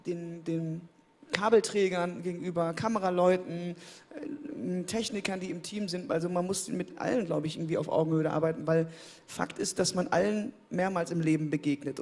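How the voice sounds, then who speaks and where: This interviewed pop singer, a man in his thirties whose first language is German, has a high-pitched voice. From an armchair on an indoor studio stage, he speaks into a handheld mic calmly and reflectively, repeating words as he reaches for them.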